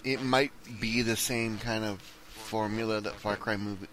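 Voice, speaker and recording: A man's voice: on the low side, steady tone, normal speed, a bit bright, poor audio. A man co-hosting a gaming podcast, easygoing and opinionated in casual chat. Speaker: podcast co-host.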